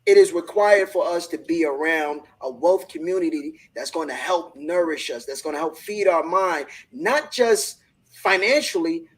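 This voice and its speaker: A man's voice: fairly high pitch, animated, normal speed, fairly bright tone, breathy edge, poor audio. A man hosting a live online business discussion, talking in an enthusiastic, motivational way and often repeating words as he starts a thought. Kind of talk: casual group discussion.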